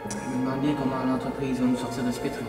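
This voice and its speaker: A man's voice: mid-range voice, monotone, fast talker, natural voice. A man as a grumbling doctor, cavernous echo. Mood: worried. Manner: grumbling, sardonic. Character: grumbling, sardonic starship doctor, stranded and exasperated. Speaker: ship's doctor. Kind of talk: French audio drama acting. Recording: distant, cavernous reverb, music underneath.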